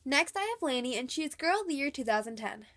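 A young woman vlogger who collects dolls, and who has a cold, narrates a chatty, upbeat scripted voice-over of her dolls' outfits. Her high voice is sing-song and a bit bright, and she talks fast.

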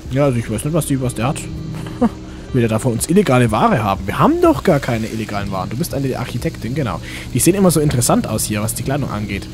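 A man hosts a let's play in a very animated, mid-pitched voice. He chats casually and rambles to himself and to the characters, with game music clearly behind him.

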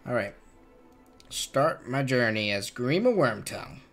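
A man's voice: mid-range voice, big pitch swings, measured pace, a bit bright, faint music behind. A man giving casual live-stream commentary while playing a game, swearing freely. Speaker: gaming streamer.

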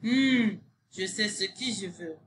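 A woman voicing a sly little man in a storybook, speaking slowly in a lowered voice. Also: a little hiss or hum, close to an everyday voice.

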